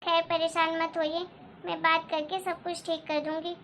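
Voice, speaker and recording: A woman's voice: very high voice, monotone, moderate pace, fairly bright tone, a little hiss or hum. A woman voicing a sensible elder daughter-in-law who reassures and soothes in a cartoon story. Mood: reassuring. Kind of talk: Hindi cartoon story dialogue.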